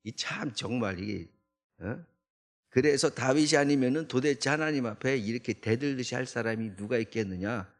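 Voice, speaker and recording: Man, pastor, gravelly voice, early morning church sermon, chatty rhetorical questions. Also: medium pitch, normal speed. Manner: conversational, with frequent rhetorical "eh?" tags; acts out the psalmist's protests in a raised voice. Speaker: junior pastor. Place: church sanctuary.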